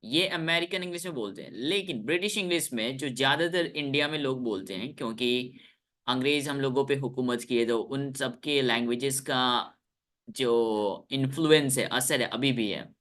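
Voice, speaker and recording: Stern with his students, an Indian-accented man leads an English lesson over a video call. He drills each word slowly, three times over, in a mid-range voice that is slightly bright.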